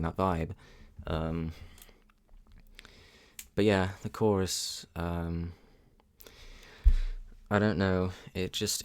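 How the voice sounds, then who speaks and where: A man reviewing a song in a casual reaction video, thinking aloud with frequent ums and restarts and giving candid, measured opinions. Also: on the low side, clear, resonant tone. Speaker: music reaction channel host. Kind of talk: casual spoken music review.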